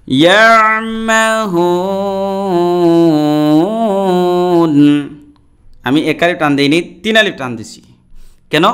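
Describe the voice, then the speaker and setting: A man's voice: medium pitch, pushed and bright, clear, resonant tone. A man teaching Quran reading, spelling out letters and vowel marks syllable by syllable, chanting words drawn out, and turning to the viewers to explain. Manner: addresses viewers directly in explanations. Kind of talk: slow spelled-out recitation lesson.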